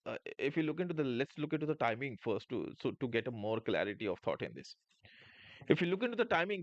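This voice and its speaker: A man's voice: medium pitch, no room sound, highs cut off. A man hosting a live trading stream, explaining market moves and answering chat questions with frequent filler sounds.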